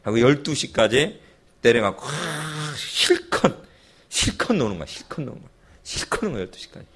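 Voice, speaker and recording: Husky, lively-voiced male pastor. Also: mid-range voice, normal speed. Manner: lively storytelling, chuckling asides. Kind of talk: sermon with a personal story.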